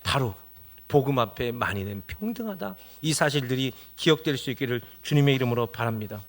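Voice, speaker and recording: Preaching on a Sunday, this middle-aged pastor speaks in a medium-pitched, expressive voice at a fairly quick pace. He throws rhetorical questions at the congregation and works up to emphatic exclamations.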